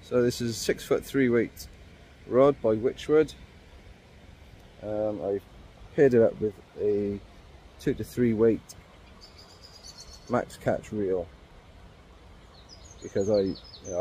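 A man's voice: on the low side, husky. A man in his thirties talking casually to a camera held at arm's length outdoors, rambling with lots of ums as he narrates his fishing trip. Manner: relaxed, rambling, frequent ums. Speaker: fishing vlogger. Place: outdoors by a river in woodland. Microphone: phone or action camera held at arm's length.

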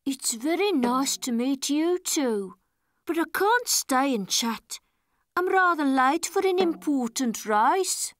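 A woman playing a polite, resigned cartoon tortoise with a measured delivery. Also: high-pitched, lively intonation, no room sound, studio quality. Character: Taloo, polite gloomy slow cartoon tortoise.

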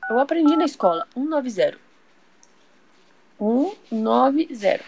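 A woman's voice: sits high, animated, a little slow, background noise. A woman voicing an eager, earnest young girl in a toy doll soap opera.

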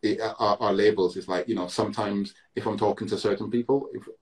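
Speaking a little fast in a lowish, fairly even voice, this musician is a Briton with Barbadian roots being interviewed by video call at home. The conversation is reflective, full of restarts and "you know" fillers.

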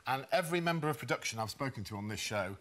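A man's voice: medium pitch, lively intonation, very fast, fairly bright tone. A male comedian and panel show guest telling a rambling, self-deprecating anecdote. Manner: rambling, self-deprecating, laughing between phrases. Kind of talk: stand-up style anecdote. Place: TV studio. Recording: noisy TV studio recording with audience.

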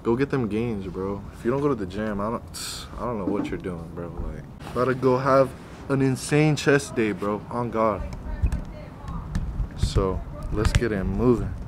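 A man's voice: lowish voice, moderate pace, background noise. A young man talking casually to viewers as a fitness vlogger, in a hyped, slangy gym-bro manner. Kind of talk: casual vlog chat to viewers.

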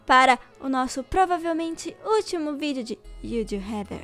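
Cheerful high-voiced young woman gaming. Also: lively intonation, normal speed, a bit bright, faint music behind. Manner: cheerful, chatty. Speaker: gaming channel co-host. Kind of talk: casual gameplay banter.

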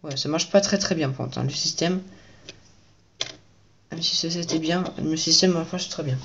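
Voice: medium pitch, moderate pace, vocal fry, lo-fi sound, background noise. A toy reviewer giving casual commentary while building a set at home at night, chatty and repeating the same praise.

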